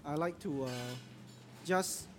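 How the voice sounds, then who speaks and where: Speaking slowly in a slightly high voice, a podcast host with a Singaporean accent chats casually on the move, dropping Singlish particles as he goes. The noisy ambience of the public spot he's in comes through clearly.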